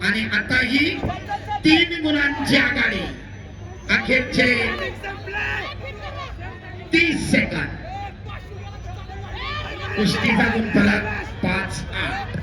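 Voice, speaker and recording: A man calling a live wrestling match through a loudspeaker PA, energetic, announcing points and warning the wrestlers. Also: very high-pitched, extremely slow, long pauses. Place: outdoor wrestling ground. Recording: echoey outdoor PA with loud crowd.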